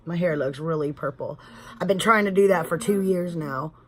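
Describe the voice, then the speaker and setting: Chatty Texan woman, lowish voice. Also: normal speed, a little hiss or hum. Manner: chatty, rambling, addresses viewers as y'all. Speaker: beauty vlogger. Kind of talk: casual makeup tutorial chat. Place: home.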